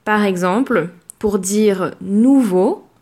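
A woman teaching a language lesson, speaking clearly and measuredly, and slowing down to model words. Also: mid-range voice, darkish tone. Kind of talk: explaining a lesson.

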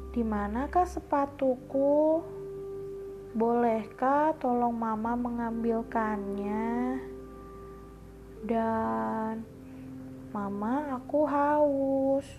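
A shrill, bossy little girl from a bedtime storybook, put on by a woman storyteller, yelling her demands in a high, piercing voice. Soft music plays behind her. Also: dull audio, full character voice. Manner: shrill, shouting, whiny. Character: loud demanding little girl who shouts.

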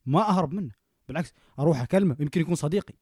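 A young man speaking in a casual podcast chat. His voice sits a little high, and he talks at a very fast, animated clip. The sound is dry and close, with almost no room echo. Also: slightly rough. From Oman. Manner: animated, rapid, checks in with "okay?" often. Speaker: podcast co-host.

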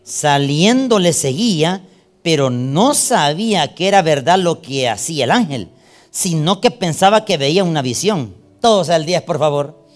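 A man's voice: on the high side, lively intonation, measured pace, soft background music. A man preaching a sermon and reading Bible verses aloud, calling his listeners brothers and asking them rhetorical questions. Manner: addresses the congregation as brothers, asks rhetorical questions.

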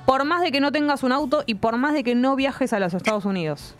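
An Argentine woman hosting a casual chat, lively and teasing. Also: sits high, brisk, faint music behind. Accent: Argentine Spanish. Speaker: host.

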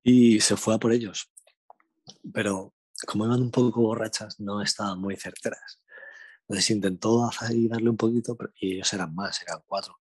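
A young man from Spain with a Spanish accent, telling a slangy, animated anecdote in casual chat. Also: lowish voice, normal speed, slightly rough, no room sound. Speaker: storyteller.

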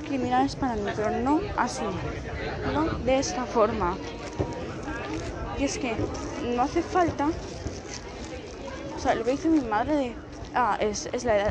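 A woman from Spain with a Spanish accent, speaking a halting, confessional monologue on the edge of tears, repeating and restarting her phrases. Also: fairly high pitch. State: close to tears. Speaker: vlogger. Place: outdoors, people passing by.

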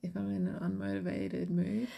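A woman's voice: mid-range voice, flat delivery, normal speed, gravelly, warm tone, husky. A woman co-hosting a casual chat in a blunt, joking way. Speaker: podcast co-host.

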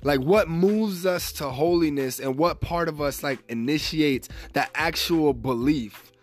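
A man hosting a faith podcast, upbeat and casual, often saying "man" and "y'all", with a stuffy, slightly raspy voice. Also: fairly high pitch, unhurried, soft background music. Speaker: podcast host.

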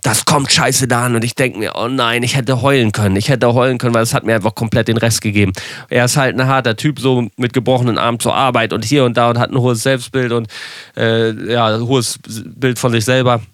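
Young male podcaster, dry close sound, rambling candid storytelling, mid-pitched voice. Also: fairly even intonation, brisk, dry recording. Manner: rambling, self-correcting, candid with wry asides. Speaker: podcast host.

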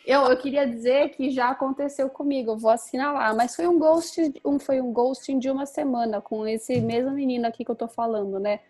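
A woman's voice: sits high, fairly even intonation, brisk, few pauses, darkish tone. A woman in a casual group chat, rambling with lots of fillers and restarts.

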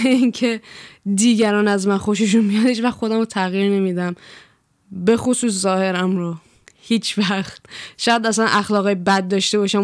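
A young woman from Iran, a vlogger talking in a blunt, profane, animated rant, laughing as she goes. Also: mid-range voice, smooth, dry recording, studio quality. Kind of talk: casual chat.

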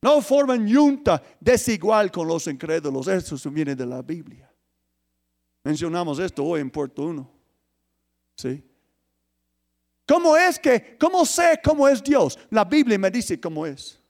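Man, pastor, very high-pitched, sermon, rhetorical questions, loud and soft swings. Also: measured pace, pauses often. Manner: lively preaching with rhetorical questions, swings between loud emphasis and soft asides.

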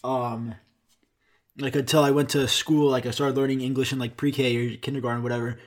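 In a loose solo Q and A, a young U.S. man raised speaking Greek answers viewers in a rambling, profane, self-mocking way. His mid-range voice keeps a level tone, and his pace is fairly quick.

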